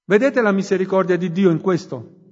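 A man preaching a sermon in a church hall, slow and emphatic, swinging between loud and hushed phrases. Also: high voice. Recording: muffled recording with long hall reverb.

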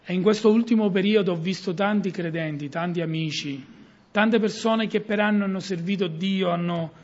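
A man's voice: high-pitched, normal speed, a little mellow. A middle-aged man preaching a sermon, earnest, with emphasis that rises and falls. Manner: earnest, rising and falling emphasis. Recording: muffled lo-fi recording.

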